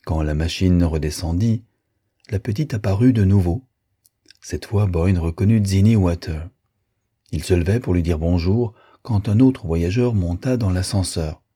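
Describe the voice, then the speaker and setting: A man narrating a novel as an audiobook, in a steady, measured storytelling manner. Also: low-pitched, husky.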